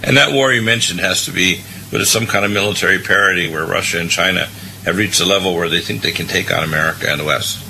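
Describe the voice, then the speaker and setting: Sharp, insistent male radio host. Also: sits low, quick pace, creaky, a little hiss or hum, low-quality recording. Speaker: radio talk show host, also a doctor. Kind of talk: conversational interviewing.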